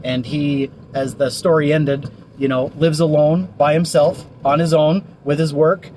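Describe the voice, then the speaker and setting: A man's voice: a little high, fairly even intonation, measured pace, darkish tone, a little hiss or hum. A man running a marketing company, telling a story off the cuff with many fillers and restarts. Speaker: marketing company owner giving advice. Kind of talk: unscripted storytelling to camera.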